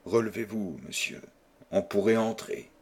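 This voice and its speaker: Cold calm young wife, read by a man, firm and disdainful. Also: medium pitch, normal speed, husky.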